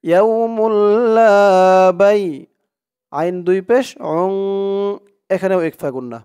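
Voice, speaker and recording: A man teaching Quran reading, spelling out letters and vowel marks one by one, then chanting the Arabic words in a drawn-out, louder voice. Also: high voice, lively intonation, clear, resonant tone, no echo. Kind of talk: slow spelling-out recitation lesson.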